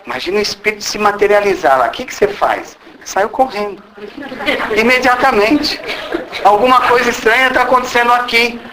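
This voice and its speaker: A man's voice: high voice, a little fast, a crowd in the background, rough recording. A man giving a spiritist talk as a channeled spirit guide, asking the room rhetorical questions and tagging lines with "né?". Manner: rhetorical questions, frequent tag questions; speaks as a disembodied spirit guide. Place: spiritist association meeting room.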